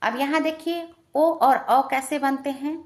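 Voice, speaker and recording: A woman's voice: high voice, unhurried, a little mellow. A woman teaching a grammar lesson to students, patient, repeating each question and answer and checking in with them often. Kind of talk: classroom lesson explaining to students.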